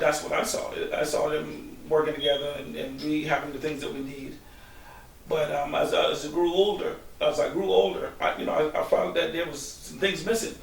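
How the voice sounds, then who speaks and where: Hesitant man from Guyana with a gravelly voice. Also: fairly high pitch. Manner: hesitant, many ums and restarts. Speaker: guest. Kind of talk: casual interview answers. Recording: echoey room, distant mic, faint hiss.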